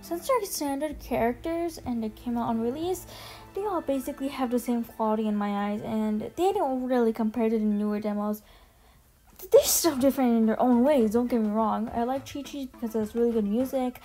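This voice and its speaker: A young video creator ranks game trailers in a slangy, emphatic voice-over with music playing underneath. Her fairly high voice has a dark tone and runs a little fast, and the audio is poor.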